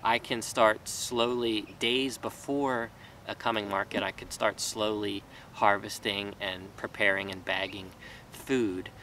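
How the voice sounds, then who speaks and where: His voice sits on the low side, steady, unhurried, bright, and forceful, as this thirty-something small farmer rambles through a casual vlog with fillers and restarts. He's filmed outdoors in his vegetable garden by a camera mic a few feet away, which gives a distant sound and faint outdoor noise.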